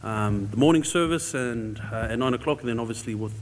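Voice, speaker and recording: A New Zealand man who grew up in Auckland gives an informal church talk as a guest speaker for a charity, sharing a personal story. His mid-range voice is brisk, and his casual, conversational phrasing is hesitant, tagged with "eh". The large indoor church hall echoes with long reverb, and there's a little hiss or hum.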